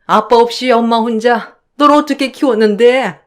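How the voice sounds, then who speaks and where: A woman's voice: on the high side, moderate pace, lightly acted. A woman voicing an older mother-in-law who scolds and rants, in a radio drama. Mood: ranting. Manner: scolding, shouting, self-pitying sighs.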